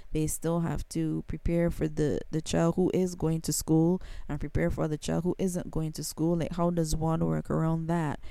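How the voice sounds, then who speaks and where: A Barbadian woman speaking in a lowish, gravelly voice with a mellow, relaxed tone. She chats casually to her viewers, calling them guys and filling pauses with ums. The sound is dry and close. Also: dry recording. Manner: chatty, addresses viewers as guys, many ums. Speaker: spiritual vlogger. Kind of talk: casual spiritual talk.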